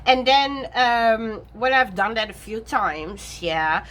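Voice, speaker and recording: Speaking slowly in a slightly high, steady, fairly bright voice, a woman tarot vlogger rambles through her decks. She's chatty and self-correcting, rephrasing often and laughing easily, while faint room noise sits underneath.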